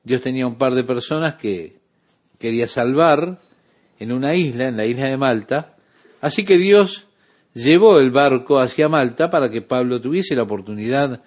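A man's voice: mid-range voice, normal speed. A man preaching a sermon, retelling a scripture story with voiced dialogue and casual asides.

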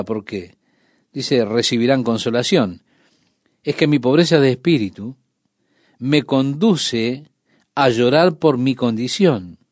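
Guy preaching a slow emphatic radio sermon, talks right to the listener, dry close sound. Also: mid-range voice, a little mellow, no room sound. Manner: measured, emphatic, addresses listener directly.

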